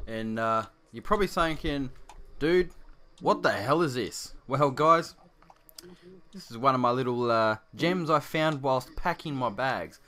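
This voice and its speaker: An Australian man in his twenties rambles through easygoing gameplay commentary, often correcting himself mid-sentence. His voice is bright and forward, and it echoes off the bare walls of a nearly empty room. The echo stays with every word. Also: medium pitch, lively intonation, a little slow. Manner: rambling, laid-back, self-correcting. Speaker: gaming video creator.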